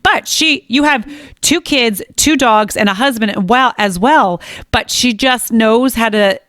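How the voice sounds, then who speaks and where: A woman hosting a podcast interview, gushing and excited, often restarting her sentences. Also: fairly high pitch, a little slow, no echo, studio quality. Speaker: podcast host. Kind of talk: casual interview chat.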